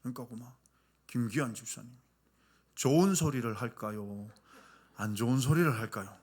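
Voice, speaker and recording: A male pastor preaching a sermon with humorous stories, animated and questioning the congregation. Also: medium pitch, normal speed, breathy edge.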